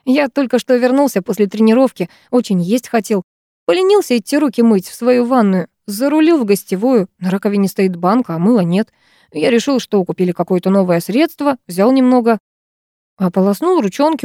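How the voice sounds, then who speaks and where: A woman's voice: fairly high pitch, expressive, fairly quick, mellow, no room sound, clean studio sound, natural voice. A woman voicing a cheerful, joking adult man in an audiobook, with a lighthearted, teasing delivery. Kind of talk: audiobook character voice.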